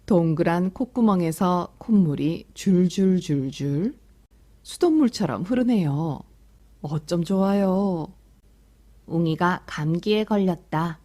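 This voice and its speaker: A woman with a fairly low, dark voice and lively intonation takes her time. Reading a picture book to small children, this storytelling teacher soothes them and chats between pages.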